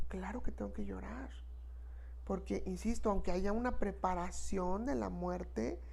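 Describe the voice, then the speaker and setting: A woman speaks as an expert guest, explaining earnestly in easy conversation. Her voice is dark and mellow with a gravelly edge of fry, and she often closes a point with a quick questioning tag. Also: medium pitch. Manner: earnest, repeats 'no?' tags, acts out quoted phrases. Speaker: expert guest on death and grief.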